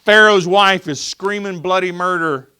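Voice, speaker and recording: A man preaching a sermon in a church, animated and talkative, often putting questions to the congregation and slipping into the voices of the people he tells about. His voice sits high for a man and sounds bright and forceful. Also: unhurried, clean tone. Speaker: pastor. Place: church sanctuary.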